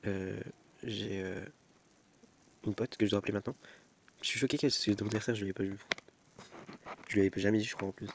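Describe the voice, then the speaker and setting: A man's voice: lowish voice, fairly even intonation, fast talker, creaky, pauses often, a little hiss or hum. A young man filming a casual vlog at home on his phone, rambling and mocking himself, often restarting and repeating words. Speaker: vlogger. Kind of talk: casual self-filmed vlog. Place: at home at night.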